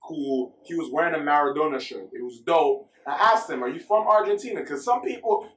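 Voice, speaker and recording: A man's voice: a little high, animated, moderate pace, fairly bright tone, reverberant, far from the mic. A man talking through football news in a casual, rambling vlog, often correcting himself as he goes. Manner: chatty, rambling, self-correcting. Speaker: football vlogger. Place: filmed at home in the US.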